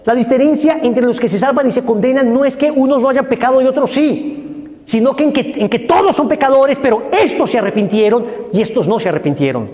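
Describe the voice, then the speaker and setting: A man preaching a sermon, dramatic, swinging between high urgent cries and hushed low tones. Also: brisk. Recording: echoey hall with long reverb.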